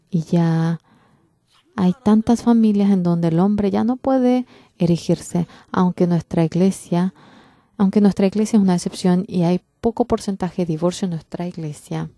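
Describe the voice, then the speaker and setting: Low, mellow woman interpreting a sermon. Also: dry recording, studio quality. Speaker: interpreter for a pastor. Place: church.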